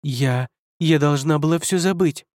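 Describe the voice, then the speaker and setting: A man's voice: a little high, normal speed, darkish tone, no room sound, clean studio sound, pitched above the performer's own voice, natural voice. A man reading an audiobook, voicing a young fox spirit woman who is anxious and pleading. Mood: panicked.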